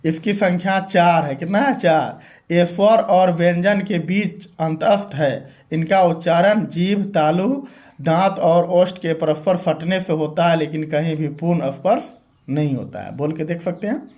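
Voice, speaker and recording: A man's voice: a little high, a little slow, a little mellow. A man teaching Hindi grammar step by step, asking the class questions and answering them himself. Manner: repetitive, step-by-step explaining. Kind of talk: classroom lesson.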